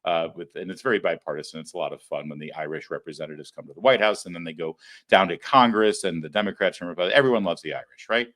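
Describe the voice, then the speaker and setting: A political talk show host delivers opinionated commentary in a deep, fairly bright voice at a quick pace. He's sarcastic and mocking, laughing at his own jokes.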